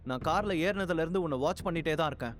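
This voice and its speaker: A man's voice: fairly high pitch, slight background noise, lightly acted. A man doing an impatient young man. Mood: irritated. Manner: brusque, hurried.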